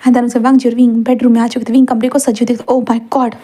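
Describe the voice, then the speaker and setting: A woman's voice: a little high, little pitch movement, rapid-fire, dark tone. A woman storyteller narrating a romance story in a chatty, casual way, dropping English words into her telling.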